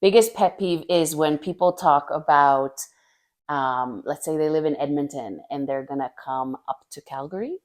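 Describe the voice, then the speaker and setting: Quick questions come at a Finnish artist in her thirties during a relaxed interview, and she replies in a low voice, thoughtful and sincere, breaking into small laughs as she warms up. She sits at a table in her bright living room surrounded by art, filmed by a camera across from her.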